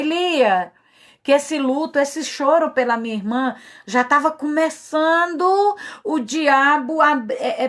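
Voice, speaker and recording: Higher-voiced Brazilian woman pastor, confessional. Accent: Brazilian Portuguese. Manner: earnest, confessional, openly emotional. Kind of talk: personal testimony talk.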